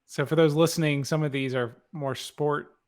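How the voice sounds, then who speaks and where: A man's voice: fairly high pitch, fairly even intonation, normal speed. A man co-hosting a design podcast, chatting casually and speaking emphatically. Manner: opinionated, emphatic about pricing. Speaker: podcast co-host. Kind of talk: casual chat.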